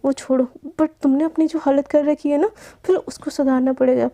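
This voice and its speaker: A woman voicing a stern young woman who scolds her partner with sharp questions. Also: sits high, fairly even intonation, moderate pace. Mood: angry scolding.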